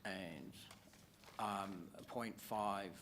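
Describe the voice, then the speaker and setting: An Australian man, a councillor moving a motion at a formal meeting, speaking haltingly with many fillers and restarts. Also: low-pitched, steady tone, a bit bright, a little hiss or hum.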